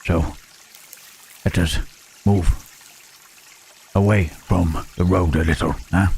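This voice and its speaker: A man playing a gentle, lonely male monster in an ASMR roleplay, speaking haltingly and formally in a husky voice. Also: deep voice, fairly even intonation, exaggerated voice. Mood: gentle, warm. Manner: halting, formal speech without contractions, trailing "huh?". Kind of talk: ASMR roleplay, intimate scripted monologue to listener.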